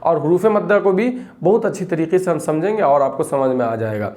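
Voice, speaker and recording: A male Quran reading teacher who drills each syllable slowly and repeats it, then explains in a calm recorded lesson. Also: fairly high pitch.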